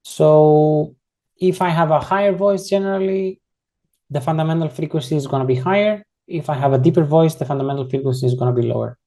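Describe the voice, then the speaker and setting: An instructor with a mellow, mid-range voice runs an online coding tutorial at a fairly quick pace, speaking into a computer mic on a video call. The tone is casual as each step gets explained, with frequent rephrasing and self-correction mid-sentence.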